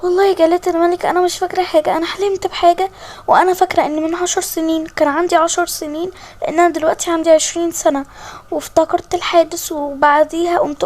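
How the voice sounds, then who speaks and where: A woman's voice: extremely high pitch, a little mellow, pitched above the performer's own voice. A woman voicing an anxious twenty-year-old lost princess in a toy-game story, with an Egyptian Arabic accent, pleading and hesitant.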